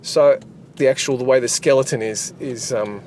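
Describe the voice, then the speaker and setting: This game developer and channel host talks at a moderate pace in a mid-range, slightly mellow voice as he drives. His casual rambling has lots of fillers and restarts, over the road noise of the moving car.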